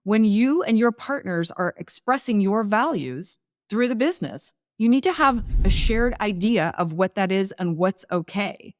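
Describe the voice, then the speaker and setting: A woman's voice: mid-range voice, lively intonation, moderate pace, dry recording, studio quality. A woman hosting a business podcast, explaining ideas in a coaching tone, asking rhetorical questions and interviewing guests. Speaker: podcast host.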